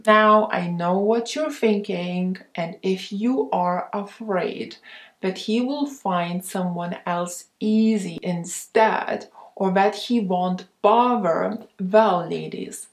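Slow, soft-spoken woman in an echoey room. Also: medium pitch. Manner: soft, measured, acts out sample texts in a light voice. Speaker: dating coach. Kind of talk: advice talk to camera.

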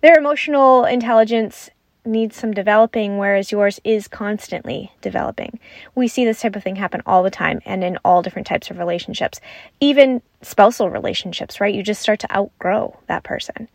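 A woman's voice: mid-range voice, brisk, gravelly, no echo, studio quality. A woman in her thirties hosting a parenting podcast, talking in an earnest, reflective way with frequent "right?" asides. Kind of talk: solo podcast monologue.

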